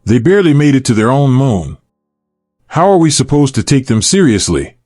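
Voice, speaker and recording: A man's voice: medium pitch, sing-song, moderate pace, darkish tone, no room sound, studio quality, soft background music. A man doing a groaning gelatinous blob alien. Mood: scornful. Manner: groaning, scornful.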